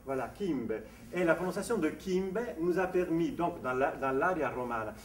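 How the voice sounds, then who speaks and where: A man's voice: a little high, normal speed. A man from Sardinia giving an academic lecture on diction, explaining step by step and reading out definitions between asides. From Sardinia, Italy. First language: Sardinian and Italian. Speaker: voice and diction teacher. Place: lecture room at a summer school. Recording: echoey room from a distant mic, faint noise.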